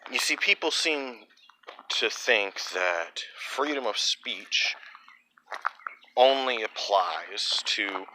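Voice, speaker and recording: A man's voice: fairly low pitch, lively intonation, drawn-out words, noisy background. A man delivering a blunt, profane opinion monologue in a ranting way.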